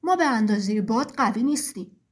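A woman's voice: a little high, lively intonation, breathy edge. A woman voicing the proud clouds. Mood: agreeable. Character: clouds, proud group that gives way.

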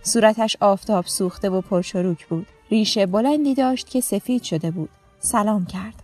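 A woman narrating a story in a calm, even reading voice. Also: medium pitch, soft background music.

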